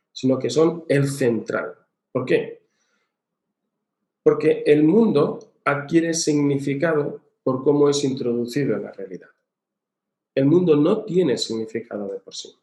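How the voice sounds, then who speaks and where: A man's voice: medium pitch, mellow. A man giving a recorded lecture on emotional education, explaining patiently with examples and rhetorical questions. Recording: echoey room.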